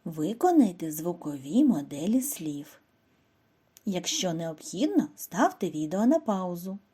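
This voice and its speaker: Slow, soft-spoken woman teaching children. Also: on the low side, big pitch swings. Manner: slow, clear, instructive delivery with questions to children. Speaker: primary school teacher. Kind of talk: scripted lesson narration for first graders.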